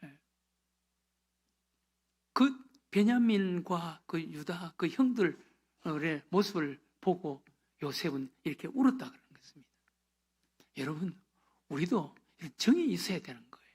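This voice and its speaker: Pastor, sermon, husky voice, animated pitch, loud-to-whisper contrasts, short affirming interjections. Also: slow pace, long pauses. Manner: dramatic swings from loud emphasis to hushed whispers.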